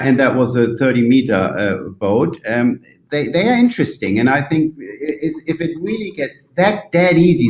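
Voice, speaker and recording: A man with a German accent, a native German speaker, giving thoughtful interview answers haltingly, searching for words as if translating in his head. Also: medium pitch. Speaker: interview guest from the yachting industry. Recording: roomy, echoing sound.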